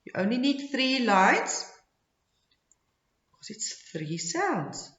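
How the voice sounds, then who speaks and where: A woman phonics teacher talks to young children in simple instructions, extremely slowly, with exaggerated modeling of each sound. Her pitch moves in an animated way, and the recording has a clear room echo. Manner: slow, exaggerated speech modeling, repeating words and sounds. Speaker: early-grade phonics teacher. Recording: dull, echoey room sound.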